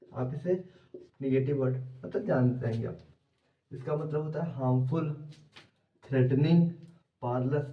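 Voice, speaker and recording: A man with a Hindi accent teaching exam vocabulary, repeating words and using memory tricks. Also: medium pitch. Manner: repetitive drilling with mnemonic tricks. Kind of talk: exam-prep vocabulary lesson. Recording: echoey room, distant mic, dull sound.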